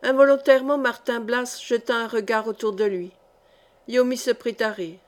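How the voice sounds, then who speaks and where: Lectrice de livre audio, voix assez aiguë. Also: female voice, fairly high pitch, steady tone, moderate pace. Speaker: audiobook reader. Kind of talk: reading a historical novel aloud.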